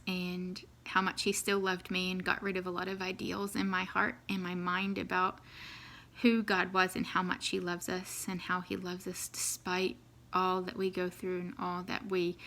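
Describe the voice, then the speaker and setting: A woman with a New Zealand accent tells her own story in a loose, chatty way, dropping in ums as she goes. Her voice is bright and fairly high, and her pitch stays quite level. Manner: chatty, laughs easily, many ums. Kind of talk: casual personal story to camera.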